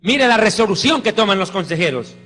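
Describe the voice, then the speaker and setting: A man's voice: high voice, expressive, fairly quick, pushed and bright. A man preaching a sermon with fervent, exclamatory emphasis. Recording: reverberant hall with faint music.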